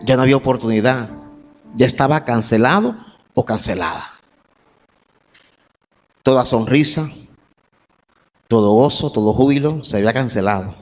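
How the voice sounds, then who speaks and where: A man preaching a sermon, reading scripture verses and then building to shouted emphasis. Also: mid-range voice, expressive, normal speed, pauses often. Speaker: pastor. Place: church sanctuary. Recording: long church reverb, faint music.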